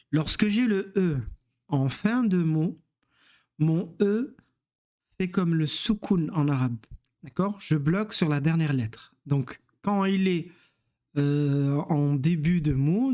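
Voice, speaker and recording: A man's voice: fairly high pitch, a little mellow. A man teaching reading, sounding out letters and syllables one at a time and repeating each word. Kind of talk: slow step-by-step reading lesson.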